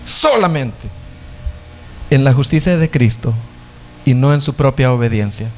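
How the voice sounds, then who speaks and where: A man's voice: mid-range voice, lively intonation, a little slow, faint music behind. A male pastor with a Salvadoran Spanish accent, preaching and telling a story, stretching out key words for emphasis. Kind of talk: sermon with storytelling.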